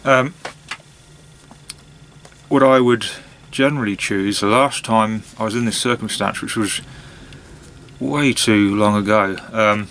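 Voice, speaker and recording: A man chatting casually on his own in a hesitant, musing way, with long pauses and trailing phrases. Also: lowish voice, fairly bright tone. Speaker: pipe-smoking vlogger. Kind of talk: casual monologue to camera.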